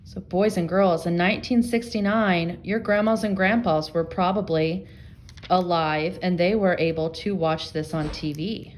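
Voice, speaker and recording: A woman who teaches reading at an elementary school reads aloud to young children and explains as she goes, thinking out loud and asking guiding questions. Her voice is fairly low and a little slow, with a bit of hiss or hum in the recording.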